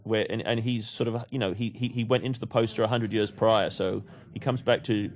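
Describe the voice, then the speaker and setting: A man's voice: lowish voice, fairly even intonation, fairly quick. Rambling English-raised man on a podcast. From England. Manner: rambling, many restarts and repeated words. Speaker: comics writer guest. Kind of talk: casual podcast chat.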